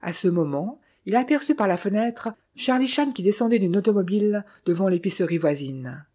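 A woman narrating a novel as an audiobook reader in a calm, even storytelling delivery. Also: mid-range voice, a little fast. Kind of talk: scripted narration.

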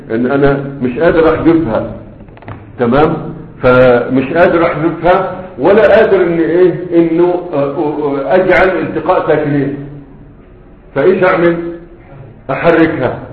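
A man with an Egyptian Arabic accent teaches a grammar lesson, pausing on rhetorical questions and stretching out example words. His voice sits a bit high. The sound is thin and phone-like, with a roomy echo. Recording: tinny phone-like audio in an echoey room.

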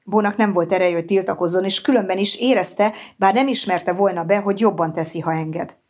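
A woman narrating an audiobook in a measured, even reading style. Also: medium pitch. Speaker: audiobook reader.

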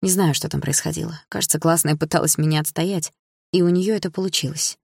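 Woman, audiobook narrator, first person, calm, measured, low voice, dry. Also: creaky, husky, no echo.

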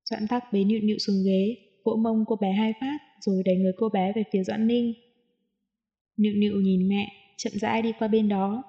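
A woman narrates a novel at a steady, even pace in a mellow, soft-edged voice. The recording sounds dull and lo-fi. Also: medium pitch, moderate pace. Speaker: audiobook narrator. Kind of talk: scripted narration.

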